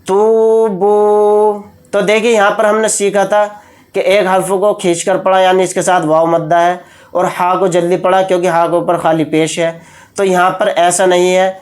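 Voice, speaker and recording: A man teaching Quran reading, chanting letter spellings slowly and drawn out, then explaining the rules in a brisk, steady voice. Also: high voice. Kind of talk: spelling drill and explanation lesson.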